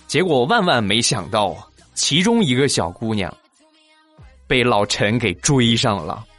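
A chatty male host tells comic anecdotes at a middling pitch with a lively, animated rise and fall. He keeps laughing at his own jokes, and faint music plays under his voice.

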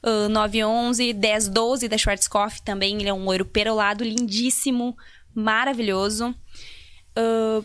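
A woman's voice: medium pitch, flat delivery, a little slow, a bit bright, dry recording. A woman, a salon colorist explaining toner choices to viewers in a live Q&A. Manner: explanatory, tutorial-like, addresses viewers.

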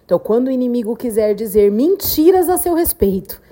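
A woman hosting a devotional podcast, preaching in a slow, fervent way with emphatic repetition. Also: on the high side, expressive, mellow. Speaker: podcast host, devotional speaker. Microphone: podcast microphone.

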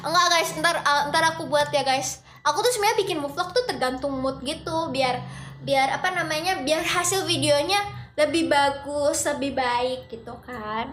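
A woman's voice: high voice, moderate pace, fairly bright tone, reverberant, soft background music. A young woman hosting a casual livestream, chatting with viewers and greeting them in a sing-song way. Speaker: livestream host.

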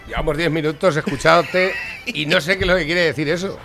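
A man with a slightly high voice hosts a casual political chat. He tells anecdotes with laughter and reads out listener messages. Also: fairly even intonation, fairly quick, sharp tone, faint music behind. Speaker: host.

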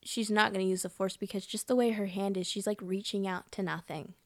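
A woman's voice: mid-range voice, fairly even intonation, brisk, dry recording, clean studio sound. A young woman co-hosting a casual podcast review, talking animatedly and acting out character lines with laughs. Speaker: podcast co-host.

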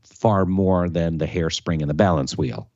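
Very deep-voiced man on a dull recording. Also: moderate pace, a little mellow, dry recording. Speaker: podcast co-host. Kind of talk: casual watch chat. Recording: dull, dry lo-fi voice track.

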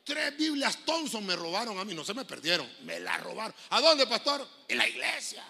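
A middle-aged Honduran man preaching with a husky, gravelly voice. His pitch sits high and swings widely, and his sound is bright and sharp as he jokes and tells stories. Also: very animated, a little fast. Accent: Honduran Spanish. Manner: joking, storytelling preacher, acts out voices. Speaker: pastor. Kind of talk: lively sermon.

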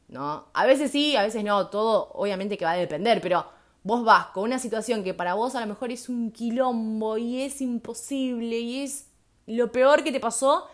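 A woman with a Rioplatense Spanish accent hosting a solo podcast, speaking earnestly and conversationally and putting rhetorical questions to her listeners. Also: fairly high pitch. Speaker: podcast host. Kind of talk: reflective solo podcast talk.

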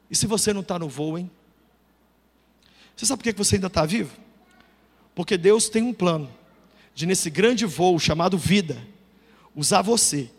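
Animated male pastor in a reverberant hall. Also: high-pitched. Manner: animated storytelling, voices quotes, bursts of loud emphasis. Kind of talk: sermon testimony.

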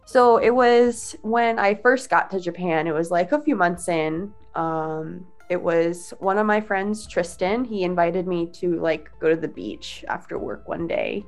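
A woman's voice: lowish voice, measured pace, hardly any pauses, faint music behind. A young woman casually telling a long story, full of "like" fillers and casual swearing.

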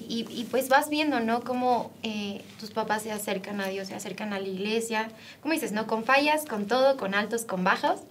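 A woman's voice: fairly high pitch, a little hiss or hum. A woman hosting a conversational faith talk, reflecting on her own walk with God.

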